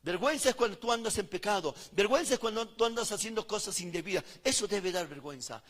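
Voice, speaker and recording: A man preaching a fervent sermon, swinging between loud calls and hushed words. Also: high-pitched, lively intonation, fast talker, long reverb tail. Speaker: pastor.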